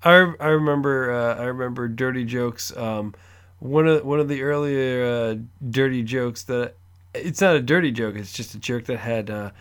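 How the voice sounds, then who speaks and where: A man co-hosting a podcast, telling stories in a relaxed, easygoing casual chat. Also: medium pitch, moderate pace, clean tone. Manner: laid-back storyteller with easy laughs. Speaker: podcast co-host.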